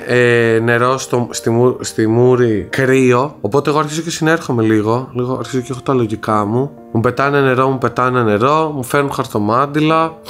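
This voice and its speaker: A young man with a Greek accent recounts his story in a casual vlog, shaken and repeating himself, speaking frankly to his viewers. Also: medium pitch. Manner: shaken, repetitive, frank retelling. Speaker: vlogger.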